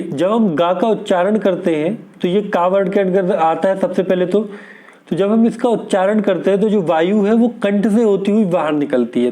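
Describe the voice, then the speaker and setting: Guy tutor going over exam questions, kinda high voice, soft mellow tone. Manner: steady explanatory, asks and answers own questions. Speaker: teacher. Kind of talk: exam prep lesson.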